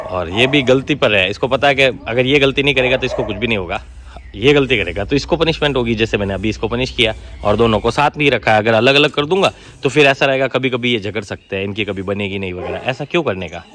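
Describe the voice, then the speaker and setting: Hoarse male dog trainer, middle pitch, outdoor vlog recording, barking dogs clearly heard behind him. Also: a little hiss or hum. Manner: sharp loud commands to dogs between calm explanation. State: hoarse from a sore throat. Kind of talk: casual vlog narration while handling dogs.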